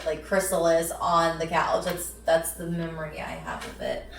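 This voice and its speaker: A woman's voice: deep voice, sing-song, moderate pace, a little hiss or hum. A woman chatting casually on a podcast about films she remembers. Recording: roomy, distant from mic.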